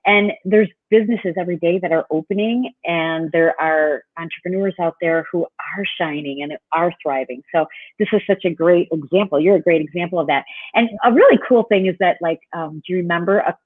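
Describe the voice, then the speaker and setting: A fairly low-voiced woman coach interviews her client with upbeat encouragement and plenty of fillers. Her voice arrives thin and tinny, like a phone line, with glitches from the call connection. The sound is dry, with no room around it. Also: a little fast, no room sound. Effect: tinny, glitchy call audio. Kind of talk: casual video-call interview. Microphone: online call.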